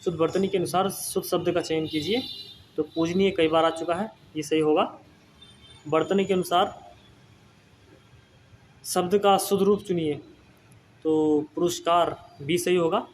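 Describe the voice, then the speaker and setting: A man's voice: on the high side, steady tone, measured pace, long pauses, slight background noise. A young man teaching Hindi spelling for exam prep. He repeats words and keeps checking in with his students. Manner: explains patiently, repeats words, often says "ठीक है ना".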